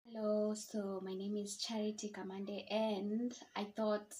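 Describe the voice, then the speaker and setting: A woman's voice: mid-range voice, level tone, a little slow, dark tone, soft background music. A woman in her twenties with a Kenyan accent, introducing herself in an informal, chatty, slightly hesitant way as a podcast host. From Nairobi, Kenya. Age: 20s. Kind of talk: casual personal introduction.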